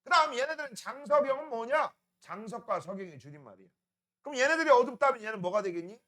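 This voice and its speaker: A man's voice: very high-pitched, lively intonation, quick pace, a bit bright. A middle-aged male science teacher, lecturing a class, teasing and scolding students while drilling mnemonics.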